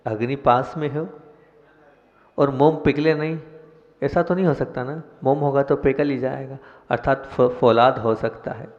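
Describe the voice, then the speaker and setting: A man, a Jain monk, preaching a sermon in a slow, measured way and putting questions to his listeners. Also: mid-range voice. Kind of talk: sermon with chanted invocation. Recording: dull, reverberant hall sound.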